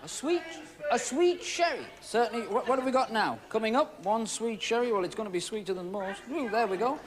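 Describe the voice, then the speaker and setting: A man's voice: high voice, expressive, brisk. A man hosting a magic show, chatting and teasing through stage patter before a studio audience. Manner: chatty, teasing, playful asides. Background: audience noise and laughter.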